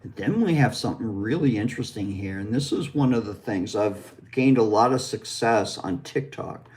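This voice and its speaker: A man's voice: on the low side, lively intonation, moderate pace, darkish tone. An American man from the West Coast teaching English vowel sounds, explaining patiently and modeling each sound. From West Coast of the United States. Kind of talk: explanatory lesson with demonstrations.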